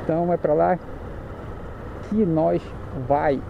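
A man from Pará, Brazil, vlogs casually in Paraense Brazilian Portuguese as he rides a motorcycle through the streets, chatty, joking and correcting himself. He speaks slowly in a gravelly voice a little higher than most men's, with fairly even intonation. The sound is muffled, with loud engine and traffic noise behind him.

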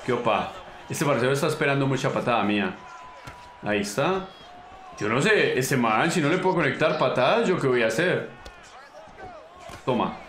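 Excitable Colombian man, bright echoey voice. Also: mid-range voice, moderate pace, pauses often. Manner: excitable, slangy, talks to the opponent, bursts into yelps. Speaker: gaming channel host. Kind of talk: casual gameplay commentary.

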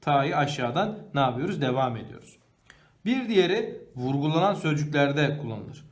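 Man teaching a lesson, fairly high voice. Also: sing-song. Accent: Turkish. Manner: asks the class questions and answers them himself; slows down to read example sentences aloud. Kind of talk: primary school grammar lesson.

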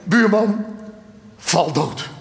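A man's voice: high-pitched, lively intonation, drawn-out words, gravelly, echoey room, slight background noise, full character voice. A male comedian quoting an insolent neighbor boy of about nine on a live stage.

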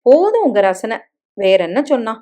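A woman's voice: on the high side, sing-song, normal speed, mellow. A woman voicing a shy, hurt young bride in a dramatic story reading, with a pleading, emotional manner.

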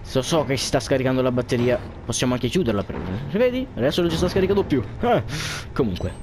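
A man's voice: mid-range voice, animated, fast, noisy background. A man commenting on a horror game for viewers, jumpy and joking, swearing often at what scares him. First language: Italian. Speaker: gameplay commentator.

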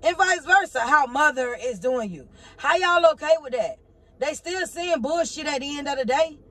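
A woman vlogger ranting to her viewers on her phone. She is animated and swings between loud outbursts and low muttering. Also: moderate pace, no echo. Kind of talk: heated casual rant to camera.

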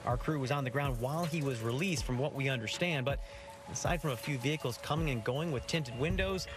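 A man in his thirties reporting live outdoors for a local TV news station in a measured, clear delivery. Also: mid-range voice, music in the background. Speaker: field reporter. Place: outdoors by a jail parking lot.

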